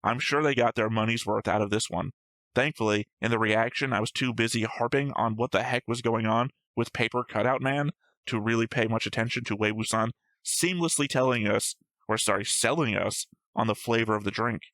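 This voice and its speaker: A man co-hosting a reaction show talks through his own notes on an episode in a dry, analytical way. His medium-pitched voice is brisk and fairly bright, in a low-quality recording with no room sound.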